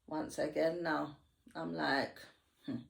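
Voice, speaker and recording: A woman tells a story to her followers while getting ready. Her voice sits a bit low, and she slips into slang and dialect voices as she acts out each scene. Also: flat delivery, takes it slowly, gravelly. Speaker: vlogger. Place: home.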